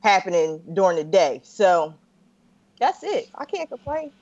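A woman's voice: medium pitch, big pitch swings, measured pace, a little mellow, dull audio. A woman of thirty, a podcast guest, talking in sassy, playful banter. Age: 30s. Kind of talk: casual chat.

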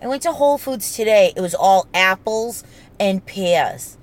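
Slow-talking New England woman, dropping word endings. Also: medium pitch, expressive. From New England, United States. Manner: sweary, self-mocking. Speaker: solo podcast host. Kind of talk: casual rambling solo podcast talk.

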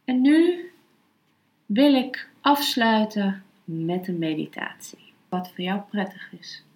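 Woman teaching calmly in an echoey room. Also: mid-range voice, slow pace. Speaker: yoga philosophy and meditation teacher, podcast host. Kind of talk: spoken lesson, then slow guided meditation. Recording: roomy, echoing sound.

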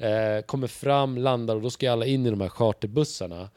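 This stand-up comic, a podcast guest, has a medium-pitched voice captured as clean studio sound with no room sound. His casual, lively storytelling is loaded with curse words and fillers, and he voices other people's lines himself.

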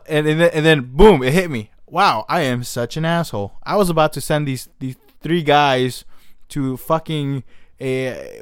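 A man's voice: mid-range voice, smooth, no echo, clean studio sound. A man hosting a podcast, telling a story in a casual, profane, exasperated and self-mocking way. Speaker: podcast host.

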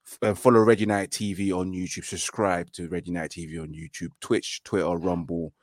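A man's voice: deep voice, flat delivery, fairly quick, dry recording, studio quality. A man speaking casually as a guest creator, plugging channels on a football livestream.

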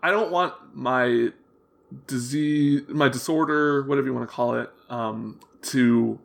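A young man with prominent vocal fry talking openly in a casual interview, earnest and rambling, often backtracking as he tells his story. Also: medium pitch, a little slow. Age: young adult. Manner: hesitant, rambling, self-correcting storytelling; open, earnest. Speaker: interview guest.

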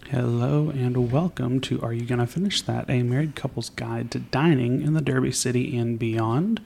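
A man's voice: mid-range voice, normal speed, creaky, over music. A young man co-hosting a home podcast, chatting in an easygoing, rambling way with plenty of restarts. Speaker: podcast co-host. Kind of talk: casual chat. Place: home at night.

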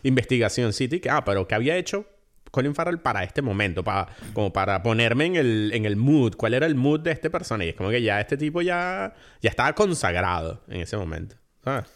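A man's voice: mid-range voice, big pitch swings, a little fast. A man co-hosting a podcast in casual film chat, often chipping in with short fillers. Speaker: podcast co-host.

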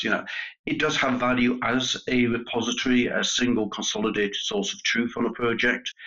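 A man speaking as an industry guest on a podcast, explaining in a measured way. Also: mid-range voice, a bit bright, dull audio. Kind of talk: podcast discussion.

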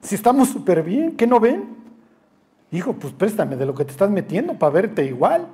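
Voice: mid-range voice, very animated, normal speed, warm tone. A Bible study teacher, who leads an interactive class, jokes, teases the group, quizzes them and acts out quoted voices. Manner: joking, teasing, quizzes the class.

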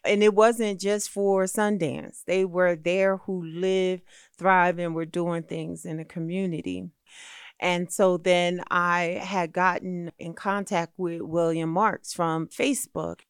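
Brief: middle-aged woman guest, animated storyteller, low smooth resonant voice, dry close sound. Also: slow pace, no echo. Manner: lively, expressive storyteller with laughter. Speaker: magazine founder and editor being interviewed. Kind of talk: animated storytelling in a conversational interview.

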